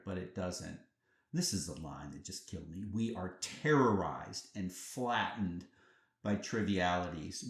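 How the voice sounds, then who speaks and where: A man's voice: mid-range voice, roomy sound. A man hosting a podcast, giving an earnest reflective monologue full of rhetorical questions and emphatic turns. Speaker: podcast host.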